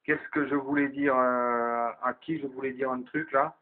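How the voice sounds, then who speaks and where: Over a tinny, narrow-band FM CB radio link, an amateur operator leads a round of calls, thinking aloud as he hands the turn to others. His mid-range male voice keeps a steady tone and measured pace, and his talk is informal and colloquial.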